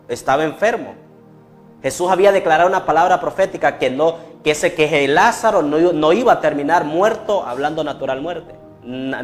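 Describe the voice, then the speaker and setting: A male preacher with a fairly high voice delivers a sermon, circling back to a refrain and stumbling through quick restarts. Soft music plays faintly behind him. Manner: repeats a refrain, frequent stammered restarts.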